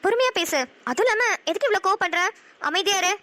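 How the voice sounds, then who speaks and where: A woman voicing a gentle, lovestruck young elder sister in a cartoon, soft and coaxing, with a Namakkal Tamil accent. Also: very high-pitched, lively intonation, fast, full character voice. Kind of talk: cartoon voice acting.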